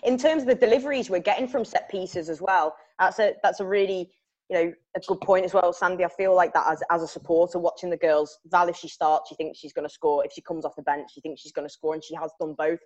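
A woman's voice: lowish voice, fairly even intonation, fast talker, a little mellow, muffled recording. A woman hosting a club podcast, asking players chatty questions and laughing easily between them. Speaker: podcast host.

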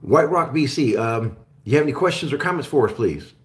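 With an expressive, brisk delivery at medium pitch, a man from Germany who grew up in Oklahoma hosts a casual live call-in show on metals and resource stocks. He rambles, full of fillers and restarts, and the audio carries a roomy echo.

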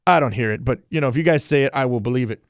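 Speaking at a racing pace in a mid-range voice, a podcast host and streamer rambles casually and warmly on his solo show. The sound is clean studio audio with no echo.

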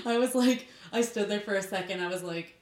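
A young woman co-hosting a chatty podcast, laughing easily and keeping things playful. Her voice sits in a middle register and carries a clear echo from the room around her. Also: medium pitch, animated, normal speed. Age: young adult. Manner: giggly, playful. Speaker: podcast co-host. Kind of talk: casual chat.

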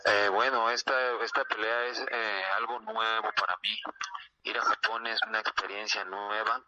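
Man, Mexico City Spanish accent, fighter being interviewed, lowish voice, stumbling fillers, dull noisy line. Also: expressive, moderate pace, bright, forceful tone. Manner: hesitant, many fillers and repeated words. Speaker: martial arts fighter, interview guest. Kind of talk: casual interview answers. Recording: muffled lo-fi line with clear noise.

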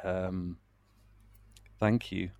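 A man's voice: deep voice, little pitch movement, drawn-out words, heavy background noise. A man appearing as a podcast guest over a video call, speaking in a wry, understated way. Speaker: podcast guest, drama creator. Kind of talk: casual podcast chat.

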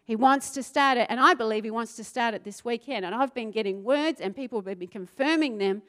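A woman with a New Zealand accent preaches a sermon in a somewhat high, brisk, fairly bright voice. She chats with the congregation, tossing them questions and conversational asides, and builds toward fervent passages with rising intensity.

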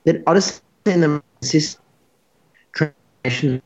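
A man's voice: on the high side, slow, darkish tone, muffled recording. A young man telling a long story as a guest in a casual interview, rambling and restarting his sentences. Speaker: guest bodybuilder.

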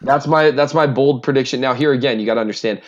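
A man's voice: mid-range voice, quick pace, muffled recording. A man from Minnesota with a Minnesotan accent, chatting casually as a podcast guest, talkative and self-deprecating. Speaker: guest analyst.

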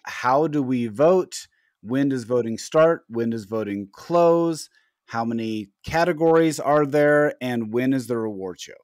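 A male podcast host who fires off questions at a brisk clip, in a mid-range voice. The sound is dry and close. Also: medium pitch, a little mellow, no room sound. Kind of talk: casual podcast interview.

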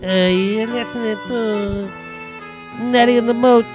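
A man's voice: extremely high pitch, steady tone, a little slow, pitched above the performer's own voice. A man putting on an exaggerated Italian-American gangster voice as a boisterous show announcer, with music under it. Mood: hammy. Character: boisterous male mobster-style show announcer.

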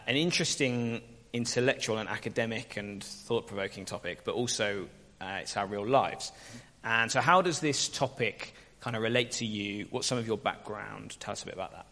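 A man's voice: fairly low pitch, pushed and bright. A man hosting a casual onstage interview in a church, chatty and teasing. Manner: chatty, teasing, laughs easily. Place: church hall. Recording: reverberant church hall.

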